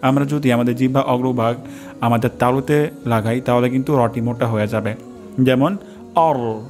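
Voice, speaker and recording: A man's voice: mid-range voice, steady tone, darkish tone, soft background music. Patient man teaching careful pronunciation. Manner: slow, careful, repeats sounds to demonstrate. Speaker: Quran recitation teacher. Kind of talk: step-by-step pronunciation lesson.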